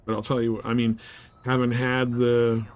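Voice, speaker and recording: A man streams a video game and rambles through casual live commentary, informal and full of slang. His voice is mid-range and level at a moderate pace, with background noise clearly audible.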